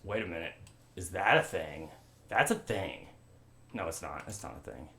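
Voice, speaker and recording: A man's voice: sits low, animated, normal speed, gravelly, pushed and bright. Joking young man thinking aloud. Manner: joking, rambling, thinks aloud about moves. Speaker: co-host playing chess. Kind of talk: casual chat. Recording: roomy room, faint noise.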